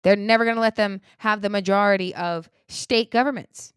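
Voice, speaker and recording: A woman giving a heated political opinion monologue, indignant, swinging between loud outbursts and low muttering. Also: fairly even intonation, a little fast, clean tone, no echo, clean studio sound. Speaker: political commentator.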